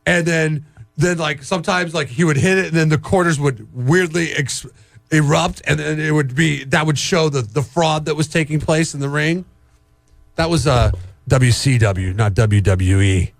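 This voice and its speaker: A man's voice: on the high side, normal speed, gravelly, no echo. A man co-hosting a morning radio show in casual chat, rambling and repeating himself as he talks. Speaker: co-host.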